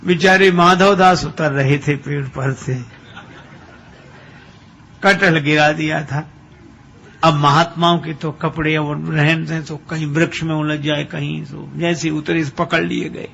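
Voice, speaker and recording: A man tells a devotional story in a lively, chuckling manner. His voice is gravelly and on the higher side. The recording is dull and lo-fi, with faint ambience behind. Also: slow pace, slight background noise. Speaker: religious storyteller.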